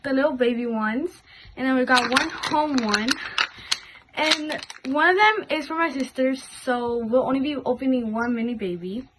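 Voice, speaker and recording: High pitched girl doing a chatty unboxing vlog, talks right to viewers, bit of noise and clicking behind. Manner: informal, repeatedly addressing viewers as "guys". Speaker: host of a toy unboxing video.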